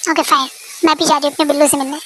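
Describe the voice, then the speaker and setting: A woman's voice: high voice, little pitch movement, racing, a bit bright, a little hiss or hum. A woman voicing a curious, teasing young female college friend, in an amateur fan dub.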